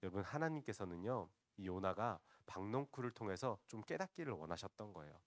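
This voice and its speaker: A man's voice: lowish voice, big pitch swings, fairly quick, no room sound, studio quality. A man preaching a sermon, retelling a Bible story and often addressing the congregation directly.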